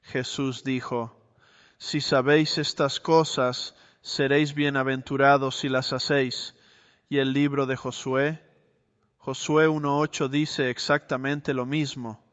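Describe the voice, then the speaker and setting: A man's voice: mid-range voice, level tone, unhurried, a bit bright, clean tone, dry recording, highs cut off. A man preaching a sermon, explaining Bible passages and reading verses aloud.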